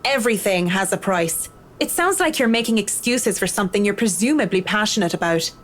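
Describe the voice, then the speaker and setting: Woman reading a curt, dry-witted designer at mid pitch; cynical and lecturing. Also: animated, a little fast, lightly acted. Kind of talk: reading a visual novel aloud.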